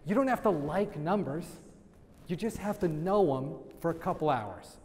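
A man giving a lively sales training talk to a live audience, quizzing the crowd and laughing often. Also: fairly high pitch, moderate pace. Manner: energetic, asks the crowd questions and laughs. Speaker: real estate sales trainer. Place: event room with audience. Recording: long hall reverb.

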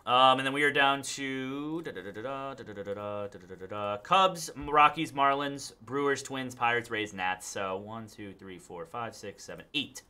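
A man's voice: mid-range voice, moderate pace, few pauses, pushed and bright. A man in his thirties hosting a live card break in a studio, reading out cards and thanking buyers by name.

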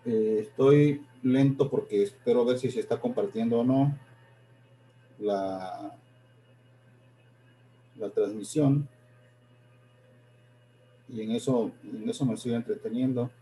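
A man giving a live-streamed history lecture, pausing often, repeating words and correcting himself as he goes. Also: mid-range voice, warm tone, a little hiss or hum. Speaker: history presenter.

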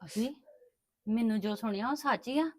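A woman's voice: a little high, moderate pace, dry recording, lightly acted. A woman playing a stepmother who soothes and pleads affectionately, in an amateur family drama. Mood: tender. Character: doting young stepmother, soft and caring.

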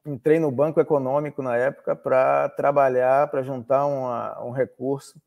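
An oceanographer from Salvador in Bahia, Brazil, speaks with a deep, hoarse voice that sits at a medium pitch, creaky and darkish, with fairly even intonation and normal speed. Interviewed by video call in a room with shelves, he relaxes into storytelling but hesitates and repeats words while remembering.

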